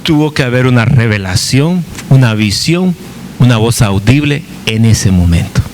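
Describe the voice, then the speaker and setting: A man's voice: medium pitch, lively intonation, moderate pace, darkish tone, a little hiss or hum. A male pastor teaching a Bible study, who asks his congregation questions, answers them himself, jokes and acts out quoted voices.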